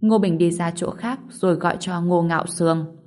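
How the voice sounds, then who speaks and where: Woman audiobook narrator, even storytelling, slightly low pitch. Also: moderate pace. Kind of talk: scripted narration.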